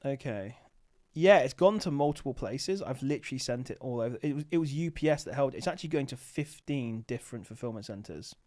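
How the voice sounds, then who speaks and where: A man's voice: mid-range voice, lively intonation, a little fast, few pauses, darkish tone. A man hosting a late-night livestream, chatting casually and thinking aloud with many fillers, sounding tired. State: tired, sleepy. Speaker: livestream host, Amazon seller.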